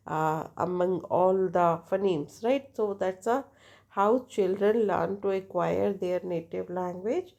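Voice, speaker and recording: Woman teaching a class, gravelly and mellow, lots of uh and restarts. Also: medium pitch. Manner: halting, with many fillers and restarts, switching into Hindi. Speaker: lecturer. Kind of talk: classroom lecture.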